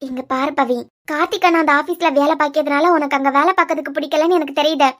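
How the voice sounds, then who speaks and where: A woman's voice: high-pitched, fairly even intonation, fairly bright tone. A woman voicing Diya, a caring, frank young woman in a cartoon series, talking earnestly with a Kanyakumari Tamil accent. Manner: earnest, coaxing, quick-talking. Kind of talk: cartoon web series voice acting.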